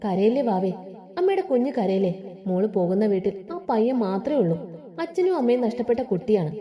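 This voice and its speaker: A woman's voice: mid-range voice, big pitch swings, fairly quick, dark tone, natural voice. A woman reading a story aloud, voicing a loving, worn-out village mother who talks in a tender, coaxing way.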